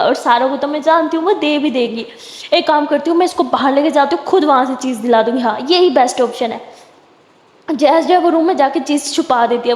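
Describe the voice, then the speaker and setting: Woman telling a story, chatty, high voice, echoey room. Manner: chatty, animated. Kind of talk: casual story narration. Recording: echoey room with long reverb.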